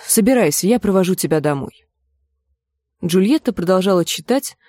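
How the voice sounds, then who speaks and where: Woman audiobook narrator, even storytelling, dry booth sound. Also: on the low side, dry recording. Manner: even storytelling, acts out the dialogue. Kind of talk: scripted narration.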